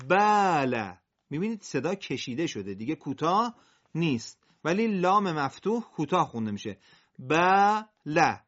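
A man's voice: a little high, fairly bright tone, lo-fi sound. Man teaching Quran vowel reading. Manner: drawn-out, sung vowels when modeling words. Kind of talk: classroom lesson.

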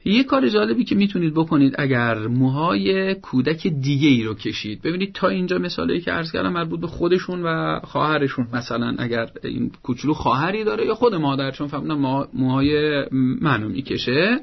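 A man's voice: on the high side, lively intonation, vocal fry, few pauses, dull audio. A man giving parenting advice on a broadcast program, speaking in a firm, didactic way and explaining things step by step. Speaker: parenting advisor.

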